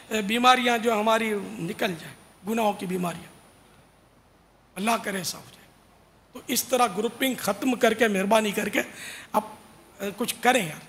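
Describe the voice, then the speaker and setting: A man with a high, gravelly voice delivers an earnest, informal sermon to devotional singers, slipping in casual asides as he urges them on. His voice carries a long reverb, as if from a large hall. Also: fairly bright tone. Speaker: religious preacher.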